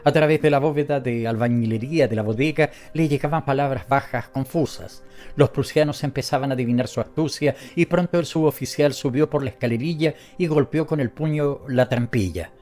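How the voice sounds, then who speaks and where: A man narrating a story as an audiobook reader, in a steady, measured way. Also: medium pitch, faint music behind.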